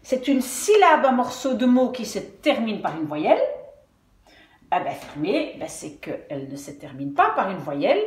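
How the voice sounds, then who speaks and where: A woman's voice: mid-range voice, wildly swooping pitch, measured pace. A woman teaching Dutch spelling, patiently sounding out words syllable by syllable. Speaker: language teacher. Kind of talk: explaining Dutch spelling at a whiteboard. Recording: echoey room.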